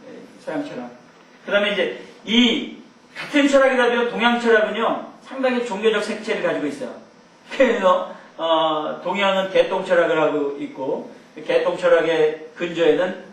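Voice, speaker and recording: A man's voice: on the high side, recorded from a distance, a little hiss or hum. Man lecturing in a very echoey hall. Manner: conversational, rambling asides with chuckles and mimicked shouts. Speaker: Bible teacher. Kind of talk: Bible lecture.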